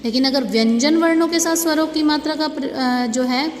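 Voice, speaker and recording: A woman's voice: high voice, a little hiss or hum. Woman teacher in an echoey room. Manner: patient, explanatory, slows down on example words. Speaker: school teacher. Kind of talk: Hindi grammar lesson for children. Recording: echoey room with long reverb, faint ambience.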